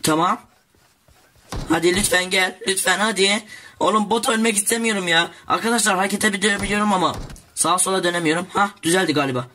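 A teenage boy narrates his gameplay in a bright, forceful voice that sits a little high. He is excitable and jokey and keeps talking to his viewers as he plays. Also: fast, a little hiss or hum. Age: teens. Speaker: gaming YouTuber. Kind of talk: casual gameplay commentary.

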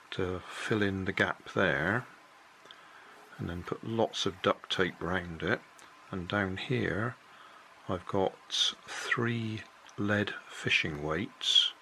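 Slow, gravelly older man. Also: deep voice, sharp tone, slight background noise. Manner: plain, unhurried, self-correcting explanations. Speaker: hobby builder. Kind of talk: casual build walkthrough. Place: indoors at a kitchen table.

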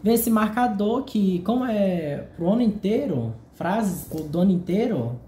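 Brazilian male vlogger, gushy and nervous, unhurried delivery, echoey room with faint hum. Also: high-pitched. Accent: Brazilian Portuguese. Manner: excitable, gushing, jittery with nerves. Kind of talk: casual unboxing vlog. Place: hotel room.

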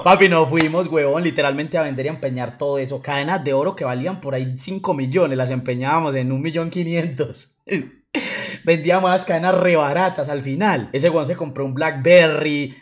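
Young Colombian-accented streamer, profane and animated storyteller, somewhat high voice. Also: male voice.

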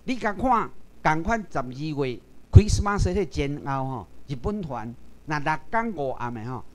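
A man's voice: on the high side, lively intonation, measured pace. A man from Taiwan giving a lecture to a seated class, speaking emphatically and addressing his listeners directly with rhetorical questions.

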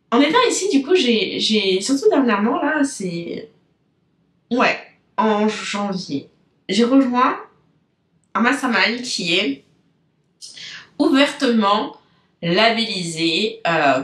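A French-accented business coach from France talks directly to her podcast listeners in a loose, unscripted ramble, chatty, digressive and heavy on fillers, often losing her thread. Her voice is a little high, expressive and a bit bright, and she speaks slowly with frequent pauses. The room is echoey.

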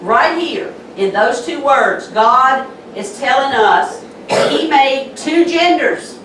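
A woman pastor with a Southern accent preaching a sermon slowly and emphatically. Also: high voice, expressive, a bit bright, a little hiss or hum. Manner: slow, emphatic preaching with pauses. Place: church sanctuary. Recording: echoey church hall, mic from a distance.

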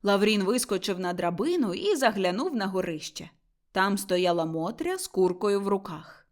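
A woman reading an audiobook with expressive storytelling narration. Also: medium pitch, normal speed. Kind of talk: scripted narration.

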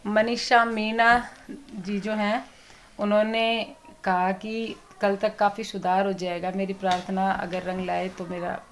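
A woman giving a soft-spoken, worried family update in a casual vlog, rambling on in long runs. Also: mid-range voice, little pitch movement, unhurried, slight background noise. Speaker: vlogger.

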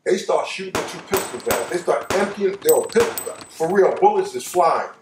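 Sitting on his living room couch, an older American man casually recounts something from his own life, circling back to phrases to stress them. His high voice is expressive at a moderate pace, with background noise audible. The distant mic gives a roomy sound.

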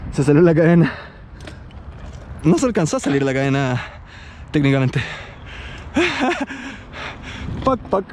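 A Chilean man in his thirties, whose voice sits high for a man, vlogs casually about his mountain bike with a Chilean Spanish accent. He exclaims excitedly while riding a trail outdoors, then explains relaxedly indoors beside a bike stand in a review. A small camera captures roomy, echoey sound with background noise.

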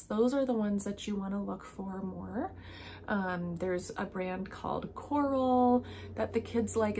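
A woman in her thirties speaks straight to camera from a small home office lined with bookshelves. Her voice sits at an ordinary middle pitch, and her delivery is earnest and instructive. She sounds like an educator advising parents, with frequent ums along the way. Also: darkish tone. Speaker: health educator. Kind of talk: direct-to-camera educational talk.

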